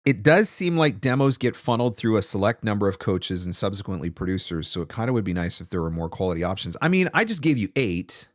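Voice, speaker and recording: A man in his forties, a voice-over marketing coach, hosts a casual livestream, giving advice and answering comments emphatically. His lowish voice swings widely in pitch as he talks fast with few pauses, close on a desk mic in a small home studio with no echo.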